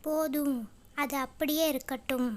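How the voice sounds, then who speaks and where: A woman with a Tamil accent giving a language lesson, saying each sentence and then repeating it slowly and clearly. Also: sits high, steady tone. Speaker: English teacher.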